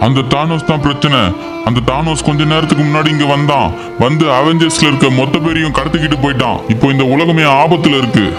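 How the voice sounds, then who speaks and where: A man's voice: fairly high pitch, fairly even intonation, fast talker, loud music behind the voice, natural voice. A man voicing a grieving, powerless thunder god in a game role-play, solemn and despairing.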